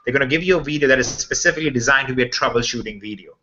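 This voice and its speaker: A man's voice: mid-range voice, racing, pushed and bright, slight background noise. A man on a video call giving an informal screen-share walkthrough, explaining things step by step and often checking in with his viewers. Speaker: presenter of a members' update webinar. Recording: muffled, lo-fi video call audio.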